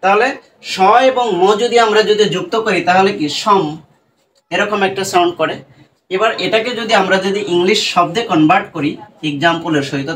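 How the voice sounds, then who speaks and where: A man's voice: on the high side, a bit bright, far from the mic, a little hiss or hum, rough recording. A man with a Bangladeshi accent teaching phonics, who asks questions and answers them himself, saying each sound over again. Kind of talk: spoken phonics lesson.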